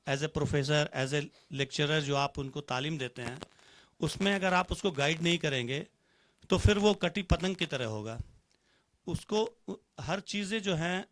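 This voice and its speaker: A man's voice: fairly high pitch, fairly bright tone. A man speaking as a guest on a televised panel, formal and rhetorical, using Urdu-flavoured Hindi with English phrases and acting out examples by changing his tone.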